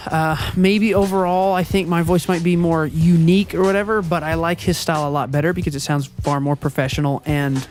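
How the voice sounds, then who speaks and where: An adult man who owns and edits a channel talks through channel updates in a casual monologue, his high voice sounding youthful. He rambles hesitantly, with lots of ums and self-corrections, in a voiceover recorded before the gameplay footage.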